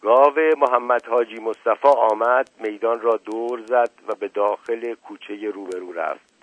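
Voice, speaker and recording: A man narrating a story in a measured, steady reading. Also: lowish voice, no room sound, dull audio.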